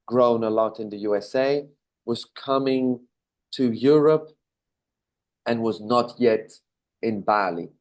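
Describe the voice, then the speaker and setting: A man from Belgium in his thirties with a Belgian accent, who owns a business, takes interview questions casually and calmly. His answers include fillers and self-corrections, delivered in a mid-range voice.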